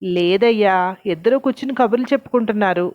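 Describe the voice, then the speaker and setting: A woman's voice: medium pitch, fast, dry recording, natural voice. A woman voicing a deferential male henchman who reports to his boss in a read-aloud story. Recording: dull lo-fi recording.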